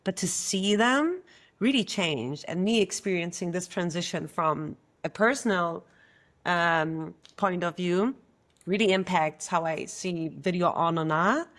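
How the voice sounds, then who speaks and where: Low-voiced woman coach from Germany. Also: measured pace, a bit bright. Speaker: guest, coach and co-founder. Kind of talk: casual conversation.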